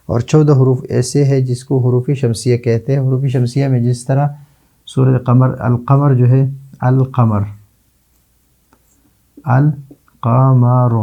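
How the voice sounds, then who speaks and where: A man teaching Arabic letters in a classroom lesson, slowly drawing out example words and answering his own questions. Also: mid-range voice, dark tone, rough recording. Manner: slow, drawn-out repetition of example words.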